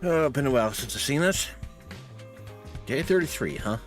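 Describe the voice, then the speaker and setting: Lively man doing casual gameplay commentary. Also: mid-range voice, moderate pace, soft background music. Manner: sweary, wry asides. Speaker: let's play host. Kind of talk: casual gameplay commentary, reading game text.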